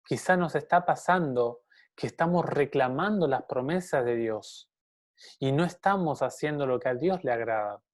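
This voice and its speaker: An earnest male Bible teacher delivers a sermon at a middle pitch. He speaks to his listeners directly and poses rhetorical questions as he goes.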